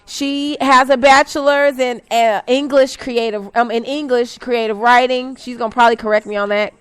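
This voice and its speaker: A woman's voice: fairly high pitch, steady tone, moderate pace, smooth, dry recording. A woman hosting an inspirational talk radio show, upbeat and teasing, who sometimes stumbles over words and corrects herself. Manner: upbeat, teasing, laughs at own jokes.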